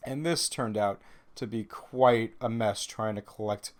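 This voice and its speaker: A gaming video host with a Brooklyn New York accent, a bit nasal from a cold, does chatty, self-deprecating voice-over on his gameplay, rambling with ums and restarts. His voice is lowish and his pace measured.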